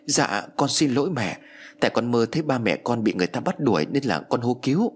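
A man's voice: mid-range voice, sing-song, a little fast, slightly rough. A man voicing a frightened young widowed mother in a spoken ghost story, pleading and anxious. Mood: uneasy.

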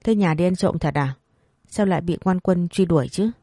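A narrator voicing a sharp-tongued, nagging peasant wife, speaking quickly and a touch lower. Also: no echo, clean studio sound, natural voice. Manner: scolding, quick.

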